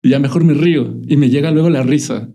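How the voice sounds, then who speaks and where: A man's voice: on the high side, fast talker, dark tone. A man hosting a podcast, talking in a reflective, hesitant way with many restarts. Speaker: podcast host. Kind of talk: casual spiritual conversation.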